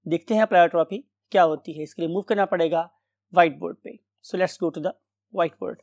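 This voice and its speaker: A man with a Pakistani accent teaching biology, mixing Urdu and English and dictating definitions slowly while repeating key words. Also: fairly high pitch. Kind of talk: recorded classroom lecture. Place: room with a whiteboard.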